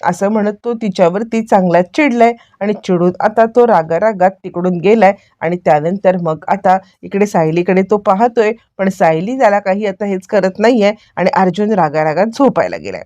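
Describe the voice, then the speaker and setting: A woman retelling a TV serial episode to her viewers in a lively storytelling manner. Her voice is warm and mellow. The recording is dry and close. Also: medium pitch, normal speed, hardly any pauses, no echo. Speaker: serial recap narrator.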